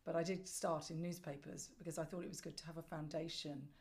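A middle-aged woman answering interview questions conversationally as a guest, reflective and measured, with emphatic phrasing. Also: deep voice, steady tone, a little mellow. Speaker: podcast guest, storyteller and former broadcast journalist.

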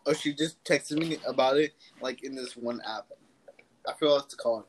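A teenage guy chatting casually on a podcast with a friend, relaxed and full of slang and swearing. His voice sits at an average pitch, with a faint hiss of noise behind him. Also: moderate pace. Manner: slangy, swears often, laid-back. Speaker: podcast co-host. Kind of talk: casual chat.

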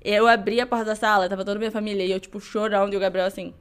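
Fast-talking young woman. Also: mid-range voice, smooth. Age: young adult. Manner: animated, acts out other people's lines. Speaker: podcast guest. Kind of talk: casual storytelling.

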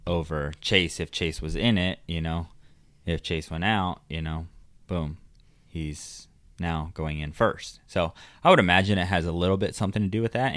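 A man co-hosting a podcast in relaxed, rambling casual chat, full of "you know". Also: deep voice, dry recording. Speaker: podcast co-host. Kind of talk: casual chat about motocross.

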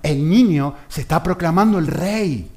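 A man, a pastor preaching a sermon in an animated manner, acting out dialogues. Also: on the high side, measured pace.

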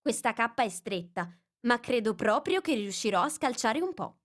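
Alice, a woman doing a bold lively young girl. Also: on the high side, normal speed, pitched above the performer's own voice. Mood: indignant. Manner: lively, exclaiming.

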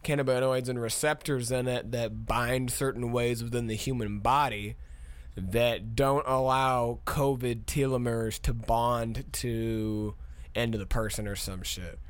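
A man's voice: medium pitch, fairly even intonation, a little slow, clear, resonant tone. A man in his thirties from Minnesota, hosting a podcast in a casual, profane, chuckling ramble. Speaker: podcast host.

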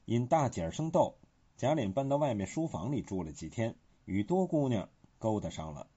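A man with a very husky, breathy voice reads scripted literary commentary, his tone dark and mellow. His pitch rises and falls in a lively way. The recording sounds dull and lo-fi. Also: moderate pace.

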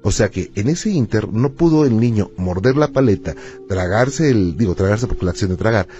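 A calm male radio host who explains things patiently and tells stories at an unhurried pace. His voice sounds warm and mellow. The recording is a muffled lo-fi radio broadcast with faint music underneath. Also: lowish voice. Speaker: radio host and spiritual adviser. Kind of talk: call-in radio conversation.

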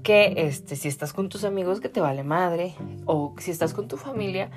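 A man's voice: sits high, expressive, moderate pace, music in the background. A man with a Mexican accent hosting a podcast, chatting casually to his listeners and filling his talk with "o sea". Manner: chatty, many "o sea" fillers. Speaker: podcast host.

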